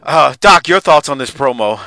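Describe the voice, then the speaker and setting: A man's voice: mid-range voice, animated, moderate pace, gravelly, pushed and bright, no echo. A man hosting a casual wrestling review chat, conversational and steering his co-hosts along. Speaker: podcast host.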